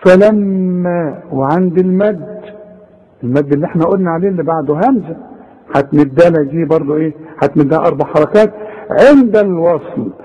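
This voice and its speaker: A man with an Egyptian accent teaching tajweed, explaining each rule and then reciting every word slowly as an example. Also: a little high, dark tone, slightly rough, highs cut off. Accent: Egyptian Arabic. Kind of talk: tajweed lesson.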